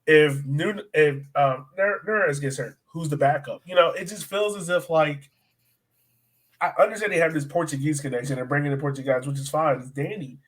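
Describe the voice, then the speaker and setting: A soccer podcast host with a fairly high, husky voice talks at a moderate pace in a casual sports discussion. He chats informally and repeats phrases for emphasis, and the audio quality is poor.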